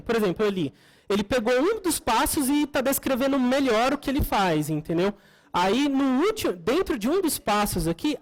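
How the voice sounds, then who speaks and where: Woman with a Brazilian accent giving a tech talk. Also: fairly high pitch. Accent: Brazilian Portuguese. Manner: explanatory, often adds tag questions for the audience; frequent self-corrections and restarts. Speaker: conference speaker. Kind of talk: technical conference talk.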